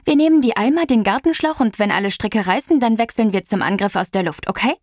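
A woman voicing an excitable teenage girl, the narrator's clever best friend, who lays out plans eagerly and a little breathlessly. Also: medium pitch, brisk, no room sound, studio quality, lightly acted.

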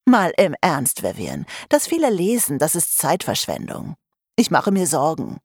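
A woman's voice: low-pitched, wildly swooping pitch, unhurried, slightly rough, no room sound, heavily acted. A stern, no-nonsense mother scolds in a dry, close voice, read by a woman narrator. Her tone swings widely while she lectures plainly in an audiobook scene. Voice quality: blunt, scolding. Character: stern, practical mother, middle-aged woman. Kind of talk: audiobook character voice.

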